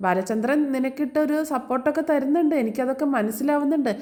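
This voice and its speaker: Lady putting on a stern bossy house mistress, scolding, fast, mellow voice. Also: high voice, lightly acted. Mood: scornful scolding. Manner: scolding, condescending.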